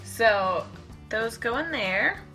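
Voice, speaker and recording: Faint music runs behind this fitness vlogger, a woman in her thirties, as she talks casually to camera in her home kitchen, showing off a product and thinking out loud. She speaks slowly, her slightly high voice animated, pushed and bright.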